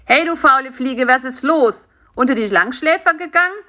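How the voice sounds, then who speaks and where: A woman voicing an excitable, kind-hearted male spider who talks in a lively, brash way. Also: mid-range voice, normal speed. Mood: teasing.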